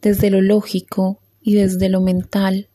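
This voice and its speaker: A woman leading a guided meditation in a soft, calm voice with long pauses. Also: mid-range voice.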